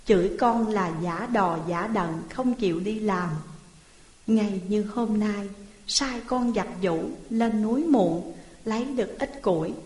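A woman's voice: medium pitch, slow pace, a little mellow, close to an everyday voice. A woman voicing a mistreated thirteen-year-old orphan boy who pleads tearfully, in a roomy hall reverb. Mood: grieving.

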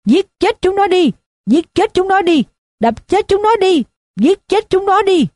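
A woman voicing a drunken man in a mob who keeps shouting for blood in a shrill, frenzied voice. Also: very animated, unhurried, no echo, clean studio sound.

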